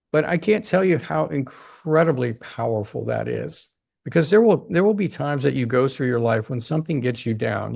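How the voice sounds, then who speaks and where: A man's voice: medium pitch, creaky, a little mellow, no room sound, clean studio sound. A man being interviewed as a longevity doctor, explaining his ideas emphatically and often checking in with "right?". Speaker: longevity doctor, podcast guest.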